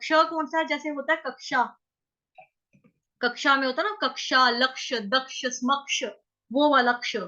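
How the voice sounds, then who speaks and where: A woman's voice: high-pitched, steady tone, normal speed, bright, forceful tone, muffled recording. A woman teaching an online chanting class, breaking verses into syllables and repeating each word many times. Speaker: Sanskrit recitation teacher.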